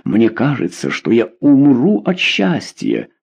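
A man's voice: medium pitch, wildly swooping pitch, slow pace, gravelly, husky, full character voice. A man voicing a passionate, lovesick young duke in an audiobook, speaking fervently and pleading.

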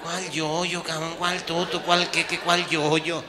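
A man's voice: on the high side, little pitch movement, a little slow, noisy background, natural voice. A man with a Mexican accent voicing an exasperated wife who scolds sarcastically. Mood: puzzled. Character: exasperated wife brushing her teeth. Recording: live hall recording, audience, echo.

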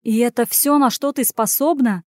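A frantic young witch, pleading one moment and sarcastic the next, voiced by a woman reader. Her voice sits high and loud, recorded close and dry. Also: moderate pace, no echo, natural voice. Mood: snappish. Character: young runaway witch girl, frantic and snappish. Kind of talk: audiobook character voice.

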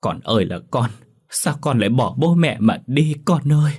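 A man's voice: deep voice, expressive, fast talker. A middle-aged village father breaks into sobs, voiced by the storyteller, his voice rising in grief. He pleads and denies in a raw, cracking tone. It belongs to a told ghost tale. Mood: sobbing. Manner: sobbing, pleading.

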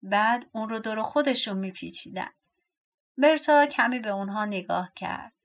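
A woman narrates a storybook fairy tale with a steady, expressive delivery. Her voice sits a little high and keeps an even storytelling flow. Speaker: audiobook narrator.

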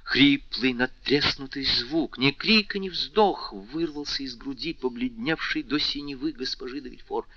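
A man's voice: medium pitch, measured pace, hardly any pauses, muffled recording. A man narrating a classic novel as an audiobook, reading expressively. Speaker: audiobook reader. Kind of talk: scripted narration.

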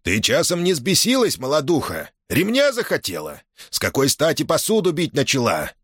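A man voicing a quick-tempered, domineering merchant who scolds and barks at his household. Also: fairly high pitch, big pitch swings, dry recording, clean studio sound, voice pushed up. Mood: scolding. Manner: barking, scolding.

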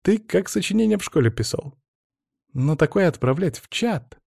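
A man's voice: high voice, lively intonation, normal speed, creaky, dark tone, breathy edge, dry recording, clean studio sound, pitched above the performer's own voice, full character voice. A man voicing a young woman who mocks a colleague through laughter. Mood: teasing. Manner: mocking, giggly.

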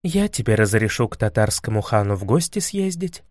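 A man voicing a sly young princess who speaks softly and coaxingly in an audiobook. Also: lowish voice, sing-song, fairly quick, no echo, clean studio sound, voice pushed down. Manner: soft, coaxing, half-whispered.

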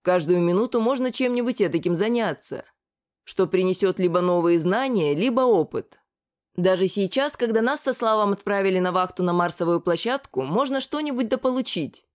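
Female audiobook narrator, even and measured delivery, middle pitch. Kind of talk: scripted narration.

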